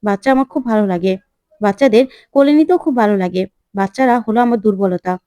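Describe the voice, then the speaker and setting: A woman's voice: medium pitch, expressive, fast, dark tone, no echo, lightly acted. A woman voicing a nosy, prying young married woman in a retold TV serial, asking pushy, coaxing questions.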